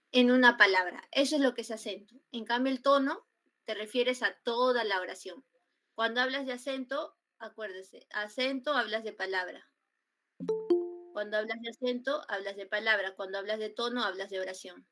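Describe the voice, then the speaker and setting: A young woman with a Peruvian Spanish accent giving an online grammar class, explaining slowly with many fillers and repetitions over a computer mic. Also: a little high, bright, forceful tone. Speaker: student tutor teaching grammar. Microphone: computer mic on a video call.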